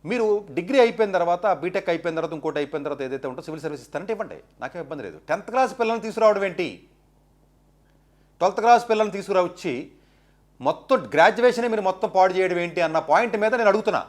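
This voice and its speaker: A man delivering an impassioned monologue, questioning his listeners with rapid, indignant rhetorical questions. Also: high voice, animated. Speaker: education commentator.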